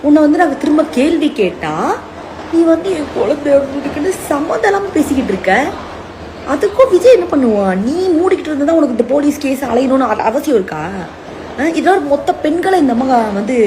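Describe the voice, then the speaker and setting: High woman scolding scornfully. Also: background noise. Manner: scolding, contemptuous, talks down to her target. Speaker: social media commentator. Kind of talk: scolding rant video.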